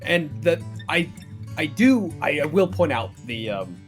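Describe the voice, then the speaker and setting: A man chatting casually as a podcast co-host, rambling and stammering, with a dry throat he keeps clearing. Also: on the high side, animated, normal speed. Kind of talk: casual chat. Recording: faint intro music looping behind.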